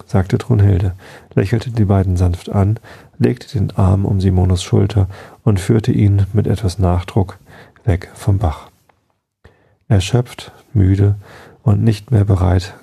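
Sleep-podcast host: man reading bedtime stories, dark gravelly voice, soft and slow. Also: sits low. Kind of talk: calm bedtime story reading.

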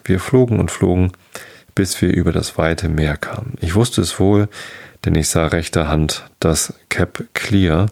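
A man narrating a folk tale as an audiobook reader, in a measured storytelling manner. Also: sits low, creaky, darkish tone.

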